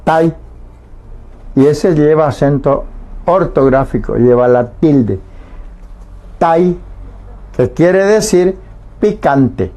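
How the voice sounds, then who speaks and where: A man's voice: fairly high pitch, dark tone. A man teaching a Guarani language lesson on the radio, patiently explaining and often checking that listeners understand. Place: radio studio.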